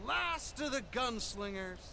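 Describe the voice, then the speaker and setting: An actor playing a cheerful, talkative writer of westerns. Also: male voice, extremely high pitch, expressive, unhurried, gravelly, a crowd in the background, full character voice. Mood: relieved. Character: relieved male western writer, chatty.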